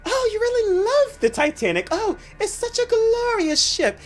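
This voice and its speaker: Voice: very high-pitched, very animated, moderate pace, soft background music, pitched above the performer's own voice. A gaming streamer putting on a theatrical lady aboard a 1912 ocean liner, gushing and sing-song.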